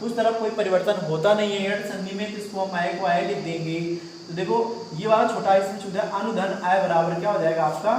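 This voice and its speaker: A male Hindi teacher with a high, steady voice moves fairly quickly through a grammar lesson, quizzing the class and repeating their answers. He sounds distant in an echoey room, with a faint hum of ambience behind him.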